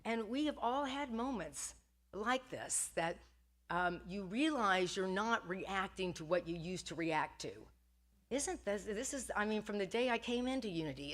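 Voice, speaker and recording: An older woman with a medium-pitched voice and lively intonation speaks unhurriedly from a church sanctuary during a Sunday service. Her sermon is casual and chatty, full of self-deprecating humor, frequent laughter and restarted sentences.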